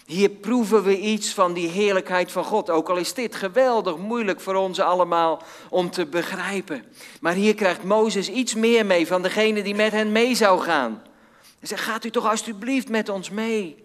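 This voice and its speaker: A man preaches a sermon in a fairly high voice, reading scripture slowly and solemnly before explaining it plainly. His voice carries a long reverb, as if spoken in a large church hall.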